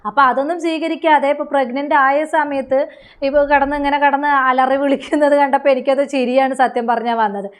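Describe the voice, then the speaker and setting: High-voiced hesitant Malayali woman. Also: fairly even intonation. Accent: Kerala Malayalam. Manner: hesitant, many drawn-out fillers. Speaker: reaction video commentator. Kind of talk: casual commentary.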